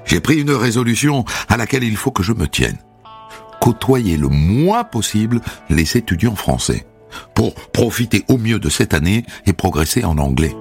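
A man's voice: fairly low pitch, moderate pace, vocal fry, faint music behind. A young man with a Paris banlieue accent telling a wry first-person story. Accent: Paris banlieue French. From Paris suburbs, France. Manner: lively, wry, animated.

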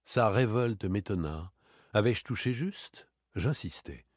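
Man calmly narrating a classic story. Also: slightly rough, no echo, studio quality. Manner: measured, low-key storytelling. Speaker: audiobook reader. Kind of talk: literary narration.

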